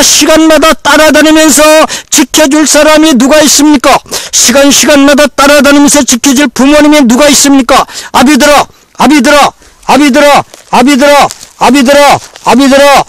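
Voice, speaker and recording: A man's voice: extremely high pitch, no room sound. A man preaching a sermon as pastor, repeating phrases again and again and firing rhetorical questions at the congregation. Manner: repeats phrases over and over for emphasis.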